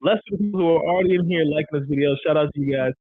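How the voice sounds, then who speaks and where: A man's voice: a little high, racing, husky, no echo. Brief: man podcast co-host, playful and upbeat, dry tinny audio. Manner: playful, upbeat when promoting the channel. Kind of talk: casual live podcast chat. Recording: tinny phone-like dry sound.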